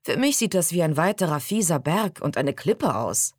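A woman voicing a tired, sarcastic teenage girl hiker who complains in a drawn-out tone. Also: low-pitched, very animated, a little mellow, no room sound, clean studio sound.

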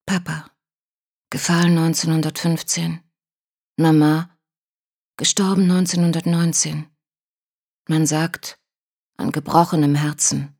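A woman speaks as a sensitive but stubborn young woman in a storybook, dry and quiet. Her voice is low and breathy. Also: level tone, unhurried, long pauses, full character voice. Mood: tender.

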